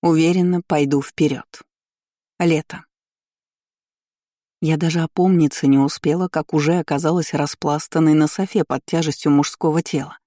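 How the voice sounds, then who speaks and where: A woman narrates a novel in the first person with a mellow, dark tone. Her reading is measured and even, recorded dry and close with no echo. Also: sits low. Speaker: audiobook reader.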